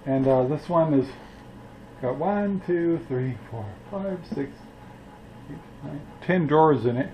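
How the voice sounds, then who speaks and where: Speaking slowly with long pauses, this older cooking-channel host has a fairly high, expressive voice and a folksy, rambling style peppered with "uh"s and small chuckles. He's recorded beside a grill in an outdoor yard and in a cluttered room indoors, on lo-fi audio with slight background noise.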